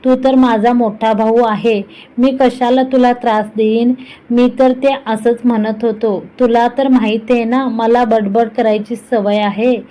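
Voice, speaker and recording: A woman's voice: on the high side, steady tone, unhurried, warm tone, muffled recording, natural voice. A woman voicing a cheeky, talkative young man teasing his older brother in a storybook reading. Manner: chatty, cheeky, playful.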